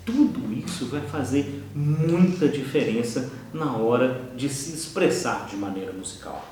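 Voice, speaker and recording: A Brazilian man with a Brazilian Portuguese accent teaching an online course, who keeps checking in with quick "ok?" and "tá?" asides. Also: mid-range voice, animated, a little mellow, distant mic, a little hiss or hum. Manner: explanatory, frequent "tá?" and "ok?" checks. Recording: echoey room, voice from off-mic.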